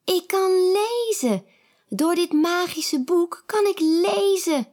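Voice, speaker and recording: A woman voicing an excited young girl who is learning to read. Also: medium pitch, slow.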